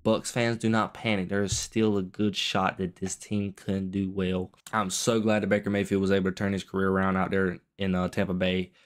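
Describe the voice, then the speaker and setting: A young man with a somewhat low voice talks through a football game like a casual vlogger. He keeps his delivery restrained, as someone quiet at night while the house sleeps. He often circles back to repeat a point in slightly different words. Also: level tone, normal speed, few pauses. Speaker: sports vlogger.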